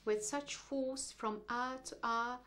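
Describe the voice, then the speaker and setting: Woman reading poetry, measured and high. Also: fairly even intonation, a bit bright, a little hiss or hum. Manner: measured, deliberate delivery with brief asides. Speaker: poetry reader. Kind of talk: reading translated poetry aloud.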